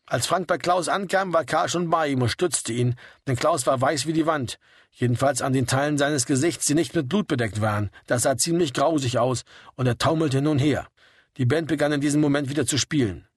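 A man reading a story aloud in a steady, wry narrating manner. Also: a little high, fairly quick, breathy edge, no echo, clean studio sound. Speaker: audiobook reader. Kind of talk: scripted narration.

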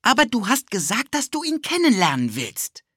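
A man's voice: extremely high pitch, huge pitch swings, normal speed, sharp tone, no room sound, studio quality, voice pushed up, heavily acted. A man voicing a mischievous, pushy young boy in an audiobook. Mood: coaxing. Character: cheeky wild young boy. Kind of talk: audiobook character voice.

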